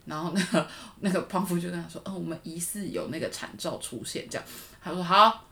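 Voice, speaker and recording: A woman's voice: fairly low pitch, fast talker, gravelly. A woman, co-hosting a podcast and telling stories animatedly in casual chat. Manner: animated storytelling with frequent laughter. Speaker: podcast co-host.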